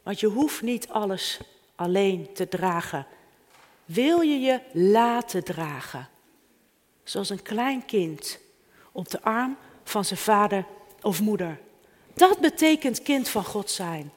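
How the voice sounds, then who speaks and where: A middle-aged preacher giving a sermon to a congregation, with an earnest tone and gently repeated phrases, reading scripture and leading a prayer. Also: medium pitch, animated, takes it slowly. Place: church service before a congregation. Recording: reverberant church hall, faint music.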